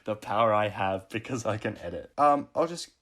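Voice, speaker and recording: Young australian man, somewhat low voice, casual podcast chat, mock-indignant. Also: moderate pace, fairly bright tone. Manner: chatty, mock-indignant storytelling. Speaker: podcast co-host.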